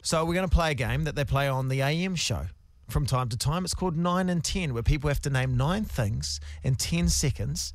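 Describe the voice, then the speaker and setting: Male Kiwi radio host, casual banter, slightly high voice, dry studio sound. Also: moderate pace, no room sound. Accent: New Zealand.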